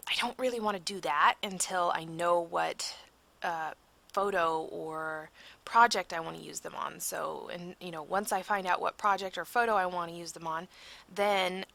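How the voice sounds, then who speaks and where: Low, gravelly-voiced woman crafter. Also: sharp tone. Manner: rambling, searching for words with frequent ums. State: yawning, tired. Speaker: crafter narrating a process video. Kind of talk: casual voiceover.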